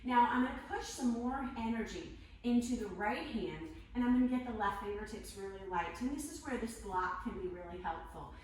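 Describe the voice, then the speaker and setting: Woman, aerobics instructor, fairly high voice, encouraging counted commands, exercising as she talks, distant mic with faint noise. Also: lively intonation, normal speed, a little mellow, very echoey. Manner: counting and cueing moves in short encouraging commands; physically exerting while talking. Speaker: fitness instructor. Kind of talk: aerobics instructor leading a live workout class.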